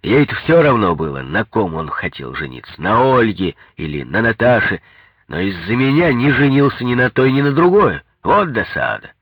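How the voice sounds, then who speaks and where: Male narrator: deep, husky voice, animated wry storytelling, dry mic. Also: moderate pace, no room sound. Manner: wry, conversational. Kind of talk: first-person story reading.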